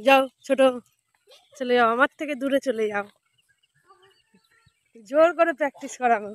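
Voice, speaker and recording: A woman's voice: high voice, normal speed, no echo. A woman outdoors teasing her younger sister in a playful, scolding way. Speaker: vlogger's elder sister. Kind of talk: teasing casual chat.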